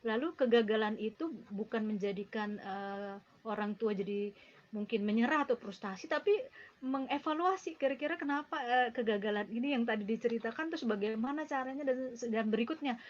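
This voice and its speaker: A woman's voice: a little high, a little fast. Hesitant woman host, dull sound. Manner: hesitant, many "eh" fillers. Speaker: interview host. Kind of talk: hosting an interview.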